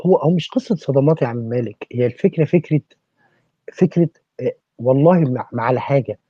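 A man's voice: mid-range voice, fast talker, breathy edge, no room sound. A man with an Egyptian accent speaking passionately in a podcast discussion, firing off rhetorical questions like a preacher. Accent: Egyptian Arabic. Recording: dull lo-fi recording.

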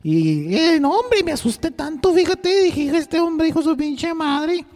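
High-voiced, foul-mouthed Mexican woman. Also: moderate pace, darkish tone. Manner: crude, profane, rambling, full of slang. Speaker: on-air storyteller. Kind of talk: comic radio storytelling. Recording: reverberant studio with faint music.

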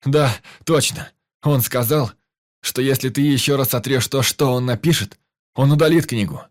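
A man's voice: fairly low pitch, measured pace, no echo, studio quality, voice pushed up. A man voicing a terrified young man who pleads and shrieks hysterically, out of breath. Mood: agitated.

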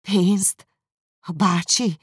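A man voicing Jane, a kind and gentle young woman, in an audiobook. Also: a little high, expressive, slightly rough, no room sound, clean studio sound, voice pushed up. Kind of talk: audiobook character reading.

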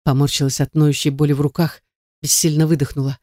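A narrator reading a first-person novel in a steady, even way. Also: medium pitch, fast, no echo, studio quality. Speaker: audiobook narrator.

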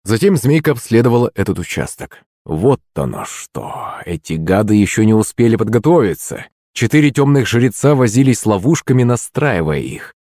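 A man with a fairly low voice narrates an audiobook in the first person. He reads at a steady, even pace. The sound is close and dry, with no room reverb. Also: moderate pace.

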